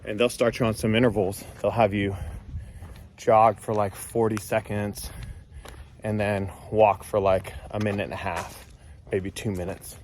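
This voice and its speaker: A man's voice: lowish voice, little pitch movement, measured pace, a little mellow. A man giving casual, encouraging motivational advice in a conversational way. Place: outdoors after a run. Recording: faint outdoor ambience and vehicle noise.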